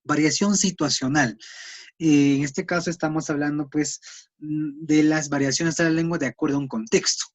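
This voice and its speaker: A man's voice: a little high, steady tone, normal speed, dry recording. A man, teaching a recorded class lecture in an explanatory way, full of fillers and tag questions. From Peru.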